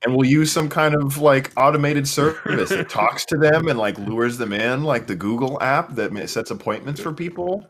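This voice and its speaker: A man co-hosting a casual chat, explaining things calmly with deadpan asides. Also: mid-range voice, normal speed, few pauses, crowd noise. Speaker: podcast co-host.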